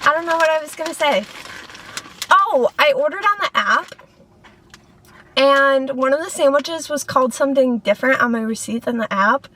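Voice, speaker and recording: A young woman with a bright, high voice talks in a loose, rambling way, often laughing at herself. She sits in her parked car and films a casual food vlog, with the camera on a tripod in the window. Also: expressive, normal speed. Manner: chatty, rambling, self-deprecating. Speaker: food vlogger. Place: inside a parked car in a store parking lot.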